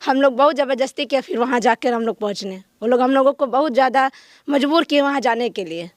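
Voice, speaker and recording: Casting high-voiced woman, grieving aunt, firm and blunt, dry sound. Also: brisk, no echo. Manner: firm, demanding justice. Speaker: victim's aunt. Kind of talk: interview answers.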